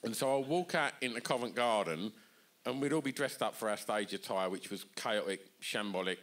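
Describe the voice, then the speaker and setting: Brief: man, live podcast co-host, bright, lively storyteller, swears freely. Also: fairly low pitch, brisk. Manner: animated, sweary, acts out voices in stories. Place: bar venue with live audience.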